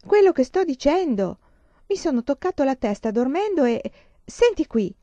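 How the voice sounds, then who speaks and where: A woman's voice: medium pitch, lively intonation, normal speed, dark tone, dry recording, lo-fi sound, lightly acted. A woman reading the part of a cheerful, joking pioneer father in an audiobook, in her own voice. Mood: insistent.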